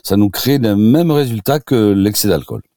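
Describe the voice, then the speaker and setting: A man with a low, mellow voice, recorded dry and close. He talks like a doctor giving informal advice on a radio programme, feeling his way through phrases with repeats and restarts. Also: expressive, dry recording. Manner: hesitant, halting, repeats and restarts words. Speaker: doctor, radio show expert guest.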